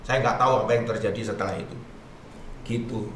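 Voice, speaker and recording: Pastor telling a dramatic story. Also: male voice, lowish voice, steady tone, fairly quick. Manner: acts out quoted voices, swinging from loud bursts to soft pleading. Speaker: pastor telling his testimony. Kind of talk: animated storytelling interview. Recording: echoey room, distant mic, faint noise.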